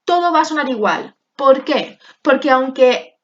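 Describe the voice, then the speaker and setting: A woman teacher explains pronunciation at a very slow, careful pace and repeats each word several times. Her voice sits a little high. The recording is dull and lo-fi. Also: animated. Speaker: French teacher. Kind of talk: classroom lesson explanation.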